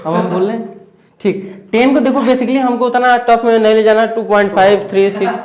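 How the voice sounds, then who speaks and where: High-voiced male teacher, echoey classroom. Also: fairly even intonation, a little fast, darkish tone, dull audio. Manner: questioning, checks understanding often. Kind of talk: classroom lesson.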